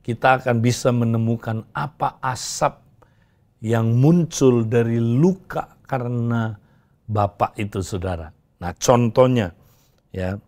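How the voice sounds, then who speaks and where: A male pastor, preaching a sermon slowly and deliberately. He often turns to his listeners and tells a story, giving its people voices. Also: mid-range voice, darkish tone.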